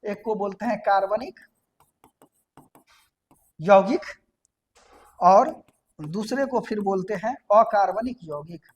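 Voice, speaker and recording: A woman's voice: mid-range voice, expressive, takes it slowly, pauses often, a little mellow. Woman teaching a step-by-step science lesson. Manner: explains step by step, asks and answers her own questions; repeats key terms for emphasis. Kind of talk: classroom lecture.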